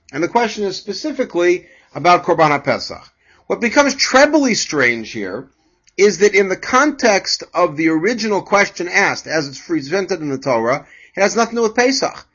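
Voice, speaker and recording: A man teaching a measured lecture on a religious text, explaining passages and reading Hebrew aloud. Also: high voice, a bit bright, slightly rough, lo-fi sound. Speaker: Torah teacher.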